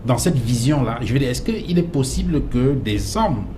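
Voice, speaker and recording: A man moderating a panel debate in a TV studio, building long questions full of hesitations. His voice is mellow and mid-pitched, with faint background noise. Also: animated, moderate pace. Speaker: TV debate host.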